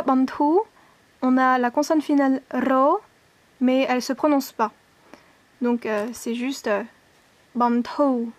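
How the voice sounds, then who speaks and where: Woman language teacher, high voice, unhurried, patient, repeats words for drill. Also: no echo. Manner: patient, repeats each word slowly, self-corrects. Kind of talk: language lesson, slow spelling and word drills.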